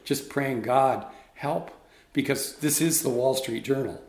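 A middle-aged man tells a story from his ministry work in a conversational setting. He acts out the people in it as he goes, with a voice of middle pitch. The room around him sounds roomy and echoey. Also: moderate pace, crowd noise. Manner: animated, reenacts dialogue. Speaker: ministry leader.

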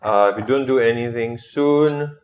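A man's voice: mid-range voice, a little mellow, a little hiss or hum. Or man running a game. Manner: halting, restarts while narrating, laughs a lot. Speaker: game master. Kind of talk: narrating a tabletop game.

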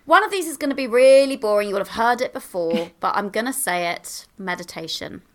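A woman's voice: medium pitch, lively intonation, fairly quick. A woman, a podcast guest, giving chatty advice in a bubbly, exclamatory way with lots of fillers, speaking into a handheld microphone. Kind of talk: casual advice in conversation.

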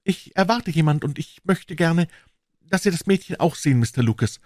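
A man's voice: fairly high pitch, lively intonation, moderate pace, a little mellow, dry recording, studio quality, pitched above the performer's own voice, natural voice. Man voicing a bitter, anxious older woman. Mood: nervous.

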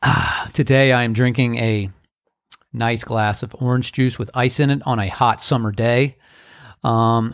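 A man's voice: medium pitch, no echo. A middle-aged man talks alone into the mic for his podcast, easygoing and thoughtful, in a mid-range voice. He is recorded dry and close, with no room sound around him. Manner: relaxed, reflective, unhurried, many ums and uhs. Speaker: podcast host. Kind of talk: casual solo podcast monologue.

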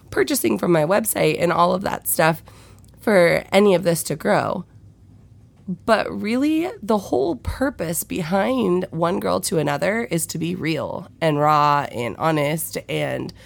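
Sniffling through a head cold, a young podcast host talks candidly on her own, her voice low, gravelly and stuffed-up. She's frank and profane, with plenty of fillers, and the recording has no echo.

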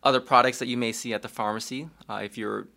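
A man explaining ear health as a doctor on a podcast, calm and measured, with small restarts. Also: mid-range voice, vocal fry. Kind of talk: explaining medical facts.

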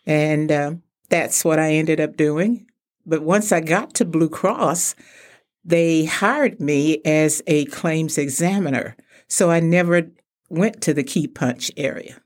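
A woman's voice: low voice, takes it slowly, a little mellow. An older woman from Texas, a retired executive, answering interview questions graciously. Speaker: interview guest.

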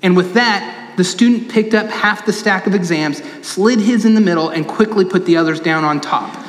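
A man's voice: sits high, moderate pace. A man, a pastor, preaching a sermon, telling a story and pressing his points with emphatic repetition. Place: large church sanctuary. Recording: roomy church reverb.

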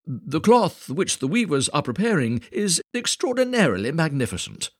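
Man reader as nervous courtier, husky, flattering. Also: a little high, moderate pace, no echo, clean studio sound, voice pushed up. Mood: uneasy. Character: uneasy male court adviser.

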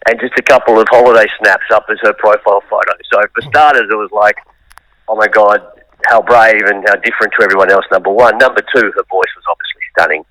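A man's voice: lowish voice, fairly even intonation, quick pace, bright, forceful tone, no echo, low-quality recording. A man, a musician and songwriter, telling his life story in an interview, open and thoughtful with many ums. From Australia.

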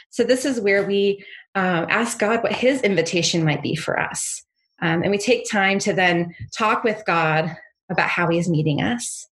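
A woman calmly and gently leading a guided spiritual meditation, as a prayer leader giving grounding guidance. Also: on the low side. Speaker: prayer leader guiding a contemplative scripture practice.

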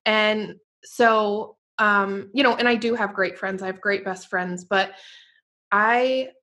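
A woman hosts a heartfelt, casual podcast chat, earnest and effusive in tone. Her voice is bright and forward, with middling pitch. She keeps dropping "like" and the occasional swear word. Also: fairly even intonation, slow. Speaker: podcast host and fitness business owner.

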